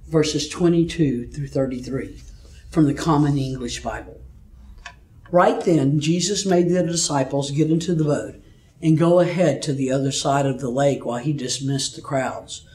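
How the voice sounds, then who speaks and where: A man's voice: fairly high pitch, darkish tone. Man preaching in an echoey room. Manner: storytelling, measured. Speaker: pastor. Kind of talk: sermon with scripture reading. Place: church. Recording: echoey room, mic at a distance.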